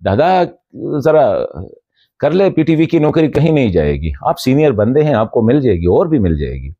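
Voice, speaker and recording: Speaking with a medium pitch, big pitch swings, and a warm tone, this man from Khyber Pakhtunkhwa, Pakistan, delivers a direct-address commentary video aimed at a colleague, mixing rhetorical questions with respectful reproach. He's a journalist and commentator; there's no echo, and the highs are cut off.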